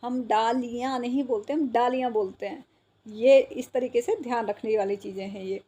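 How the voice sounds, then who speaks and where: A woman teacher walks children through a textbook exercise, repeating each word and checking that they follow. Her voice sits a little high. It has a mellow, slightly husky tone. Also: normal speed. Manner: patient, repeats words and checks understanding. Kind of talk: explaining a school textbook exercise.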